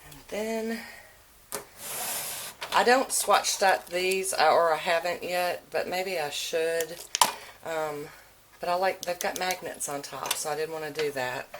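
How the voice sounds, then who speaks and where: A woman with a low voice narrates a casual home tour. She talks informally, like a hobby vlogger chatting to viewers. The recording is very noisy, with clicks behind her. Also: a little slow. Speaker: vlogger showing a nail polish collection. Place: indoors at home, handheld camera, drawers handled.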